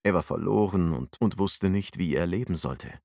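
A man narrating an audiobook in a measured, steady way. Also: low-pitched, creaky, dry recording, studio quality.

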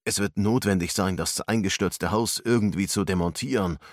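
A man's voice: deep voice, moderate pace, no echo, studio quality. A man doing an earnest young treasure seeker.

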